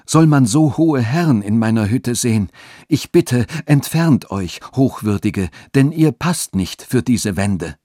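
A man's voice: mid-range voice, lively intonation, measured pace, warm tone, dry recording, clean studio sound, voice pushed up. A man reading a radio story, voicing a frail, pious old peasant woman who pleads and laments. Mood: lamenting.

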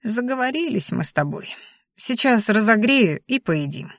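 A woman reading an audiobook, voicing a gruff, blunt elderly grandmother who grumbles and scolds in earthy terms. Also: fairly high pitch, big pitch swings, normal speed, no room sound, clean studio sound. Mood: homely. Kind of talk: audiobook character voice.

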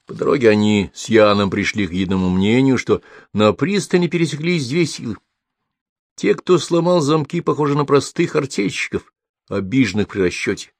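An audiobook narrator reads a scripted story in an even, storytelling style. His medium-pitched voice moves at a moderate pace, recorded dry with studio quality.

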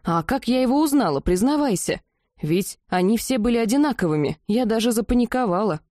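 A woman's voice: a little high, animated, a little fast, dark tone, no room sound, studio quality, pitched above the performer's own voice, natural voice. A woman voicing a teasing young bride.

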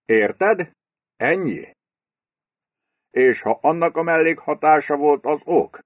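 A man's voice: on the high side, animated, no echo, voice pushed up, lightly acted. A jittery male business partner, voiced by a man in an audiobook, anxious and whining. His voice rises and falls restlessly. Dry close recording. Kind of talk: audiobook character voice.

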